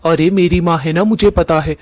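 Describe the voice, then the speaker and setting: A man's voice: fairly high pitch, normal speed, no room sound, natural voice. Man voicing a sweet-talking lovesick ghost. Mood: pleading. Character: lovesick young male ghost groom, pleading.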